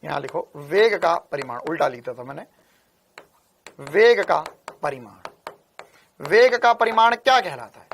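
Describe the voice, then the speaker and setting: Speaking at a fairly high pitch, the Hindi-accented physics teacher takes it unhurriedly, leaving long pauses, with a little hiss or hum in the background. His voice is hoarse from shouting, yet he remains lively, teasing and playfully scolding students during the online exam-prep lecture.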